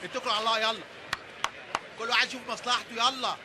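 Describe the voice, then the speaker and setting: A young man playing a lazy, whiny son with an Egyptian accent, sarcastic and quick with complaints. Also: fairly high pitch, expressive, noisy background, close to an everyday voice. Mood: pleading. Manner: whiny, sarcastic, fast-talking.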